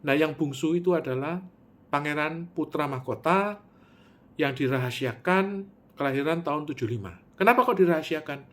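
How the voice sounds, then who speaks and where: Man, slightly high voice, animated monologue with sharp swings in volume. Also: moderate pace. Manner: animated storytelling, with sudden loud pitch jumps and drops to near-mutter; Javanese words mixed in.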